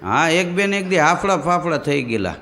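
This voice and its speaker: A man with a Kathiawadi Gujarati accent telling stand-up jokes in a folksy storytelling way, jumping into quick character voices. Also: a little high, big pitch swings, pushed and bright, in a large hall, a little hiss or hum. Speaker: comedian.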